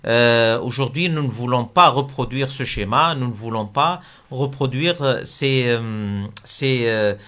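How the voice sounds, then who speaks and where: A man from Algeria, speaking as a guest in a debate interview. He talks haltingly, with many fillers and restarts. His voice sits at an everyday pitch for a man. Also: a bit bright. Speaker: business leader guest.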